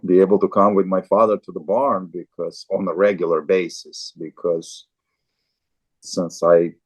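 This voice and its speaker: A man in his forties from Azerbaijan, a guest in an interview, speaking haltingly with many repeated and restarted words. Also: deep voice, level tone, breathy edge. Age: 40s. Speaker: guest, farrier and show jumper. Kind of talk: casual interview talk.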